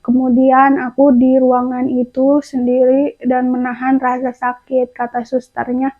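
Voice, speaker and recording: Woman vlogger, high pitch, chatty storyteller, thin phone-line audio. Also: completely flat delivery, measured pace. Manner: chatty, repeats "aku bilang gitu" often. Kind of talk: storytelling to viewers. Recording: tinny phone-like sound.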